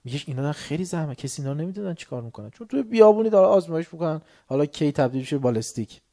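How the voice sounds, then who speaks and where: A man giving a religious lecture, swinging between soft asides and loud, heated outbursts. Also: on the high side, animated. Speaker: preacher.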